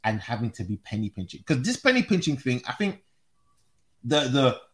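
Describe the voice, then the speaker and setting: A man speaks casually as a football podcast panellist. His voice sits at a medium pitch, and he is emphatic, often repeating words and phrases while building a point. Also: very animated, normal speed, a bit bright.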